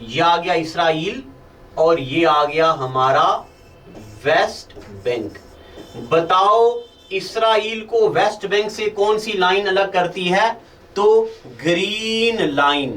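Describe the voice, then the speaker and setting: A man teaching an online exam-prep lecture, who quizzes his students and has them repeat answers, with low energy from fasting. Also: a bit bright, reverberant, recorded from a distance. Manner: addresses students as children, asks and repeats answers.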